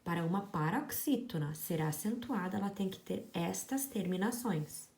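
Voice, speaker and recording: A woman teaching a grammar lesson in a low, mellow voice. She explains slowly and patiently and lingers on each example word so that it is clear. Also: lively intonation. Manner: slow, explanatory, stresses example words. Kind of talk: classroom lesson on word stress.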